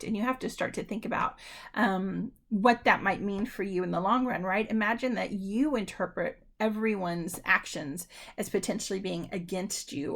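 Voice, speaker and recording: A woman lecturer talks her students through the material in a loose, conversational way, pausing on ums and restarting sentences. Her voice has a gravelly edge and sits at an ordinary middle pitch. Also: fairly bright tone. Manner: addresses students directly. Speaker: university lecturer. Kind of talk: recorded lecture.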